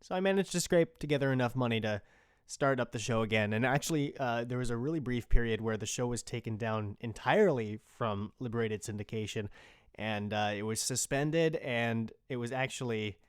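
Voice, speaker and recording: Speaking fairly quickly in a smooth, medium-pitched voice, a podcast host and creator chats off the cuff in a rambling, informal way with some mild cursing. The studio sound is clean and free of echo.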